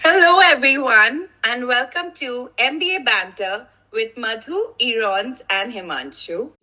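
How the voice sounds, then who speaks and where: A woman's voice: fairly high pitch, animated, measured pace, bright, forceful tone, poor audio. A woman hosting a podcast, opening the episode and welcoming a guest. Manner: friendly, welcoming. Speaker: podcast host. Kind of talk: podcast introduction.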